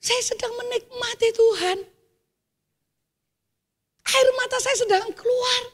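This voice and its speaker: High-voiced Javanese woman preaching. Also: takes it slowly. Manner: lively, chatty, mixes in Javanese, swells to loud exhortation. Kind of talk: sermon with storytelling. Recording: echoey church hall.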